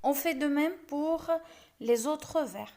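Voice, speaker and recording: A woman's voice: high voice, warm tone. A young woman teaching a French lesson, explaining step by step and sounding out verse syllable by syllable. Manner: slow, syllable-by-syllable scansion of verse.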